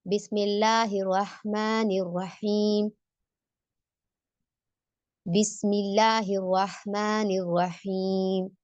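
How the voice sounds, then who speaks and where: A woman's voice: mid-range voice, gravelly, a little mellow, no echo. A woman teaching tajweed online in a patient, explanatory way, posing questions and answering them herself. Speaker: Quran recitation teacher.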